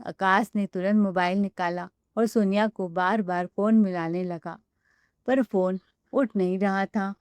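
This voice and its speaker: A woman narrates an emotional household drama. Her voice is smooth and clear, at a middle pitch. She sounds close to the mic, with no room around her. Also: steady tone, a little slow, a little mellow, no room sound. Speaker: storyteller. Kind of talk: scripted narration with acted dialogue.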